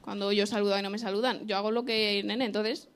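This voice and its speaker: A woman from Spain, a guest on a podcast drinking game, talking in a dry, deadpan way. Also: mid-range voice, fairly quick, smooth. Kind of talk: casual drinking-game chat.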